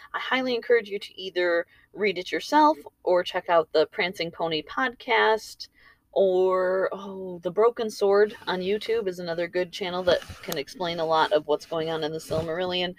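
A woman hosts a storytelling podcast from a room at home. Her voice sits slightly low and the sound is dry, with little room echo. She moves between narration and informal, rambling commentary. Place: room in a house.

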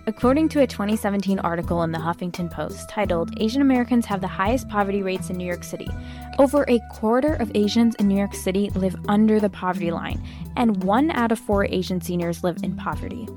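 A woman hosts an explainer episode, reading her script in a measured, earnest way. Faint music plays softly under her voice. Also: medium pitch. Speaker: host. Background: faint background music.

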